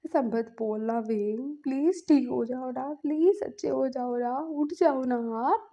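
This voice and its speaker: A woman's voice: high-pitched, a little slow, mellow. Woman voicing a pleading young man, dull lo-fi. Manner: pleading, tearful and repetitive. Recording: dull lo-fi recording.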